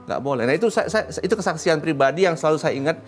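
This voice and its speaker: A man, a pastor, telling a personal story on a religious TV talk show, animated and swinging loud and high when he recounts his anger. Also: fast, soft background music.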